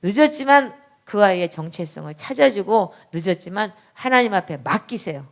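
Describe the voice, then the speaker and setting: A middle-aged woman pastor delivers a sermon built on a personal story. She acts out both sides of the dialogue with animation. In the quoted apologies her voice falls to a quiet murmur. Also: mid-range voice, animated, normal speed.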